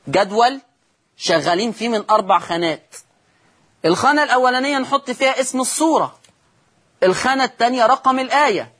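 A man's voice: high voice, a bit bright, breathy edge. A middle-aged man with an Egyptian Arabic accent, teaching Quran readings on a TV lesson and addressing viewers directly, repeating key points.

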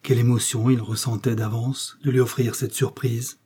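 Dark, husky male storyteller. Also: medium pitch, flat delivery, moderate pace. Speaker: audiobook reader. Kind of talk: reading a classic short story aloud.

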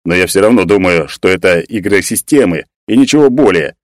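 A man's voice: low voice, animated, fairly quick, no echo, studio quality. A man reading the lines of a stubborn, skeptical male companion in an audiobook, in a scoffing, dismissive way.

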